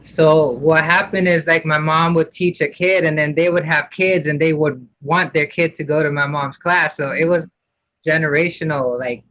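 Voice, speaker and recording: This Puerto Rican man, a podcast guest, has a fairly high, sharp voice with fairly even intonation and a moderate pace, and there's no echo. In a casual interview he recalls his childhood loosely, full of fillers and restarts, on dull lo-fi audio.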